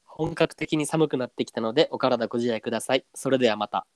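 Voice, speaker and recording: A man's voice: medium pitch, fast talker. A man with a Kansai accent co-hosting a podcast, chatting easily and reading a listener's letter aloud. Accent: Kansai Japanese. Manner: easygoing, drops into a stiff flat voice when trying standard speech. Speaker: podcast co-host.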